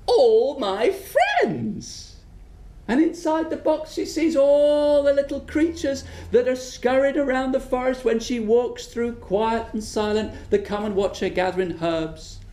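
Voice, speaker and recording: A storyteller telling a folk tale in a lilting, drawn-out way who trails off softly on key words. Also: medium pitch, reverberant, slight background noise.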